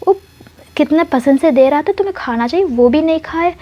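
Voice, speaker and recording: Woman as a direct, insistent young student girl, slightly high voice, muffled lo-fi audio. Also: lively intonation, brisk.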